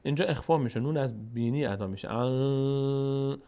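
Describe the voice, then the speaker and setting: Male Quran reading teacher, methodical, mid pitch, drawls syllables as examples. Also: lively intonation, a little mellow. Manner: methodical, spells out and slowly drawls syllables to model them. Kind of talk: step-by-step Quran reading lesson.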